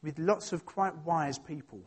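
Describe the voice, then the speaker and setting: A man's voice: on the high side, measured pace, husky. A man with an Essex accent giving an informal sermon with personal anecdotes, in a hesitant, self-deprecating, chatty way. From Essex, England. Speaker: church speaker.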